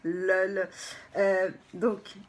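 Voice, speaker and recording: A woman, a personal development coach, gives an animated motivational talk to viewers, often checking in with them and sometimes dropping into a soft whisper for emphasis. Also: medium pitch, extremely slow. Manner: animated, keeps checking in with the listener.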